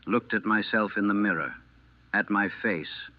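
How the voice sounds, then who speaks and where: A man delivers scripted first-person narration as a war veteran, somber and deliberate, in short clipped phrases that build through repetition. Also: fairly low pitch, no room sound, dull audio.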